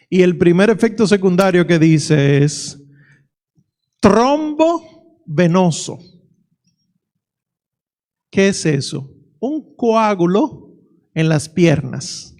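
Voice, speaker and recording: A man's voice: fairly high pitch, warm tone. A male physician giving a conversational lecture at a conference, emphatic and full of rhetorical questions. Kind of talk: lecture to a pro-life audience. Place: conference hall.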